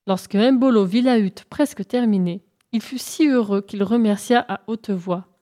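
A woman narrating folk tales for a storybook, reading calmly and evenly. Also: medium pitch. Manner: calm, measured narration.

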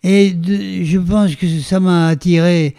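Brief: older French man, veteran performer, mellow resonant voice, dry close sound. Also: sits high, takes it slowly, gravelly, clear, resonant tone, dry recording. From France. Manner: animated, theatrical storyteller with many restarts. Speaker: guest, veteran stage performer. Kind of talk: interview, autobiographical storytelling.

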